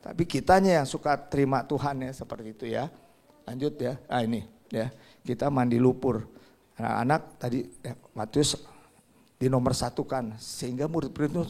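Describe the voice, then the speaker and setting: An older man preaching a sermon, animated, swinging between loud stresses and quiet asides. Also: on the high side. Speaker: Sunday school preacher.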